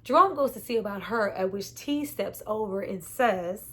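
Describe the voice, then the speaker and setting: Husky-voiced woman doing a chatty show recap, laughs a lot, cusses freely, middle pitch. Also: normal speed. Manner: animated and chatty, with frequent laughter and cursing. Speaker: TV show reviewer. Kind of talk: casual episode recap.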